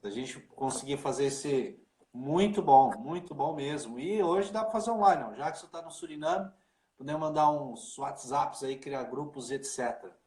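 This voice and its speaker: A pastor with a fairly high, slightly mellow voice hosts a relaxed livestream chat over a video call, speaking at a moderate pace. He's talkative and informal, sprinkling his speech with fillers like né and cara. The room sounds echoey.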